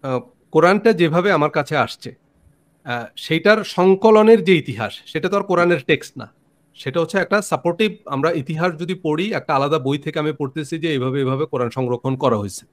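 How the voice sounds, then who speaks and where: A Bangladeshi man hosting a religious discussion, explaining his position in a measured way with pauses and fillers. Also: a little high. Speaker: host.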